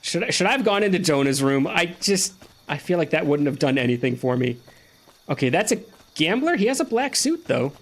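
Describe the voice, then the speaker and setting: A man chats and jokes his way through a video game playthrough, talking to a friend as he goes. His voice sits a little high, and his delivery is loose and playful. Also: sing-song, fairly quick. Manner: chatty, joking, talks to a friend on a call. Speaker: gaming streamer. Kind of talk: casual let's-play commentary.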